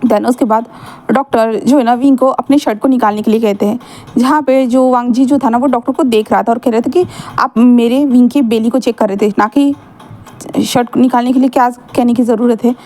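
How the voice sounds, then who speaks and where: High-voiced woman casually retelling a story. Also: fairly even intonation, fairly quick, mellow. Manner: chatty retelling with fillers and asides. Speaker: fanfiction narrator.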